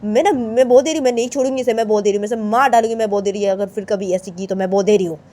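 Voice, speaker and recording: A woman voicing an angry, strict mother who loudly repeats her threats. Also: medium pitch, rapid-fire, pitched above the performer's own voice, lightly acted. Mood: furious. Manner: loud, repetitive threats.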